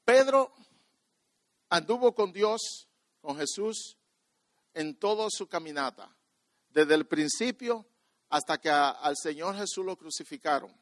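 A man preaching a sermon, telling a personal story, often repeating and restarting words and swinging between quiet and loud. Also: a little high, lively intonation, takes it slowly, pauses often, no room sound.

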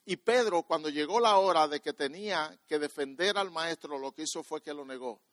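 A man with a voice on the high side delivers a sermon built around a personal story, speaking at a normal speed. He frequently restarts and repeats words, alternating between soft and loud, in a recording with no echo.

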